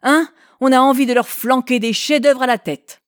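A woman's voice: a little high, very animated, slow pace, warm tone, husky, no echo, pitched above the performer's own voice, exaggerated voice. An angry young painter, as a woman narrator plays him, snaps out scornful outbursts in a raised voice. The reading is close and dry.

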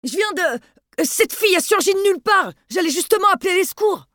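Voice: high voice, expressive, moderate pace, a bit bright, no echo, clean studio sound, pitched above the performer's own voice. A narrator voicing a frightened man who stammers frantically after an accident. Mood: panicked. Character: panicked stammering male van driver.

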